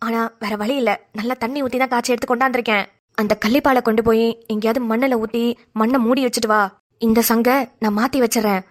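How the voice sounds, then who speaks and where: A woman's voice: a little high, quick pace, close to an everyday voice. Woman voicing a kind, practical older village woman. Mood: reassuring, urgent. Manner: calm, instructing, reassuring. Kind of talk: cartoon voice acting.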